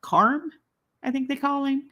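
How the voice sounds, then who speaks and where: Her high-pitched voice sounds pushed and bright as she talks at a measured pace. She's a woman vlogger chatting casually on a live stream while building a toy, rambling, laughing often and slightly congested.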